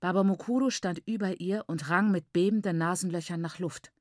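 A woman reading a novel aloud in steady, measured scripted narration. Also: fairly low pitch, dry recording, studio quality. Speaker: audiobook narrator.

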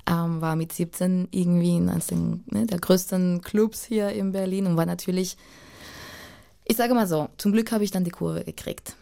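Her voice sits lowish, warm and creaky, with a steady tone and moderate pace. This woman in her thirties, a native Spanish speaker from Spain, reflects casually on personal stories as an interview guest, phrasing things loosely as she searches for words.

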